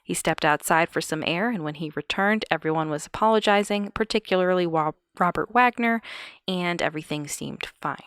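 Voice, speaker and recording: A woman's voice: on the low side, normal speed, a bit bright, clear, resonant tone, no room sound, clean studio sound. A woman hosting a podcast, recounting a true-crime case with wry, chuckling asides. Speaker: podcast host.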